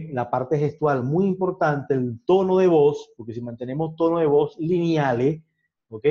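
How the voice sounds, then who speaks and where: A man's voice: mid-range voice, a little mellow. A man lecturing a sales training class, constantly checking in with his students by asking "ok?" in a conversational teaching manner. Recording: dull lo-fi sound.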